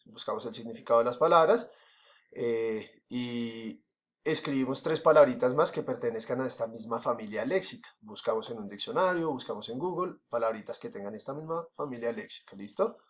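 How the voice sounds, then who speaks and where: A man with a Colombian Spanish accent teaches a recorded school lesson at medium pitch and a slightly quick pace. He explains step by step, uses many fillers, and often checks that the class is keeping up.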